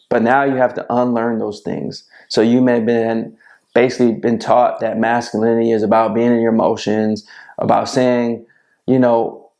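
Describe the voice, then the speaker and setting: A man's voice: medium pitch, creaky, darkish tone. A man in his thirties giving a preachy, repetitive motivational talk straight to camera, calling the viewer "bro", recorded on a lapel mic in a small indoor room. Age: 30s. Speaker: men's self-help video host. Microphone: lapel mic clipped to shirt.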